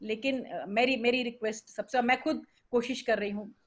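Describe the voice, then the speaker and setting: Earnest woman, slightly high voice. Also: steady tone, normal speed. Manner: earnest, hesitant with fillers. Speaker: workshop participant. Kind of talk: casual discussion on a call.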